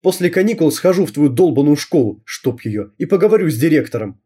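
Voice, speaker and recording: A man's voice: fairly high pitch, expressive, fairly quick, dark tone, slightly rough. A man doing a scolding vain mother. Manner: mocking, scolding, dismissive. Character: vain dismissive middle-aged mother, sharp-tongued.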